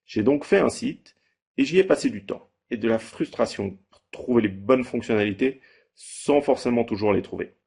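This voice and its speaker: A man in his thirties giving a measured, read-aloud testimonial as a holiday rental owner. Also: mid-range voice, expressive, creaky, darkish tone, husky. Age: 30s. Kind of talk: scripted testimonial.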